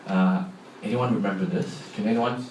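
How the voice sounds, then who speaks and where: A middle-aged Hong Kong-accented man talks casually to a crowd in a large hall, posing questions to them, and crowd noise can be heard. His pitch is fairly low, his intonation fairly even, and his pace moderate. The hall sounds echoey and distant, with faint ambience.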